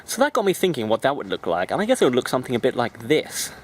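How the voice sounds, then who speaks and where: A man's voice: mid-range voice, very fast, a little hiss or hum, rough recording. A man hosting a casual video journal, telling funny stories and acting out bits of dialogue. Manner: animated, acts out dialogue in voices. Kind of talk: casual storytelling vlog.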